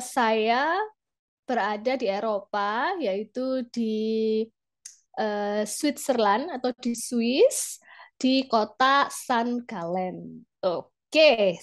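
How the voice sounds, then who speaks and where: An Indonesian woman hosts a conversational interview. Her voice is on the high side and her pace is slow, with a polite way of putting questions. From Malang, Indonesia. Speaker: podcast host.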